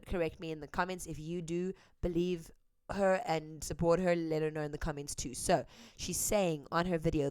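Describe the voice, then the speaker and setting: A female host, a native English speaker, gives earnest, candid commentary while translating a clip live, with frequent hesitant ums. Her voice is low-pitched and a little mellow, and there's no room sound.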